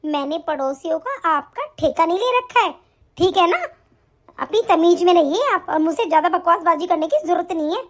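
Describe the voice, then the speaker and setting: A woman voicing a young daughter-in-law who is fed up and defiant, in an animated story, with a sharp, scolding delivery. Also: extremely high pitch, a little fast. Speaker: voice actor.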